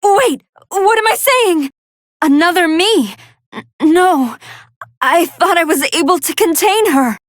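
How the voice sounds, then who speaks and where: A young female android scientist from an anime fighting game, with a high voice in a dry studio sound. She speaks in formal, scholarly phrases as a commentator, earnest and excitable, with a hunger she struggles to contain. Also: slow, dry recording, heavily acted. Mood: distressed, pleading.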